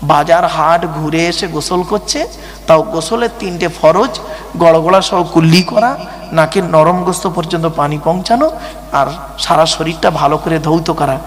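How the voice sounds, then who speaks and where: A man preaching an emotional sermon, telling a story dramatically and asking the audience rhetorical questions. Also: fairly high pitch. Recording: echoey hall with faint hum.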